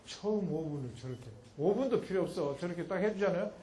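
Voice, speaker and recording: A man giving a public lecture in an animated way, acting out a mother and child when he quotes them. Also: high voice, fast, a little hiss or hum, low-quality recording.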